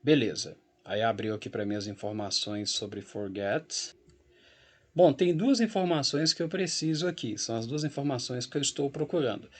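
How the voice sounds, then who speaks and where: A man's voice: medium pitch, expressive, moderate pace, husky. A man with a Brazilian Portuguese accent teaching an English grammar lesson, explaining patiently while walking through a website and checking in with the class often. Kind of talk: recorded grammar lesson with screen walkthrough.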